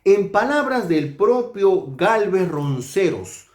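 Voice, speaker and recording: A man from Peru, a literature teacher, reviewing a book in a slow, measured and deliberate way. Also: high-pitched, very animated, a little mellow, echoey room.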